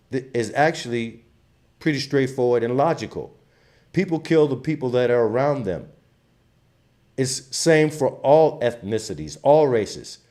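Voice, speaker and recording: A man from Trinidad and Tobago, giving an impassioned, emphatic commentary as a channel host. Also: medium pitch. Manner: impassioned, emphatic, grows louder when fired up. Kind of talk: opinionated commentary monologue.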